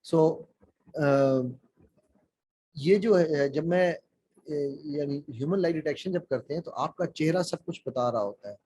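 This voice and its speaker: Husky guy running a speaking class over a call, bit high voice, keeps quizzing the group. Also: slow, warm tone, no room sound, low-quality recording. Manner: explains with questions to the class, mixes in English phrases. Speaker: public speaking trainer. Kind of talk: interactive online workshop lecture.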